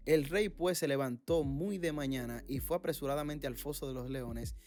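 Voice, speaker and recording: A man leading an informal Bible study, reading passages aloud and explaining them with frequent fillers and pauses. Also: medium pitch, darkish tone, soft background music. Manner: reads scripture aloud, then explains it with many fillers.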